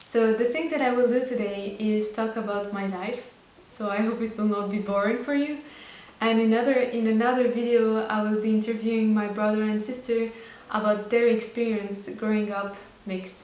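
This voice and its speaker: A woman's voice: medium pitch, steady tone, moderate pace, a little mellow. A woman in her twenties, a native French speaker from Belgium, chatting earnestly to camera about her life. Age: 20s. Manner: earnest and chatty, with small restarts. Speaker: vlogger. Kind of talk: casual personal monologue to camera. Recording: echoey room with faint hiss.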